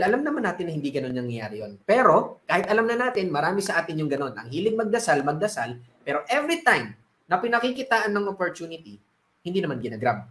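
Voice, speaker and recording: Male coach, storytelling lesson, chatty with tag questions, high voice, echoey room. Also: fairly bright tone. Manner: conversational, frequent tag questions. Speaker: sales coach. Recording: roomy echo.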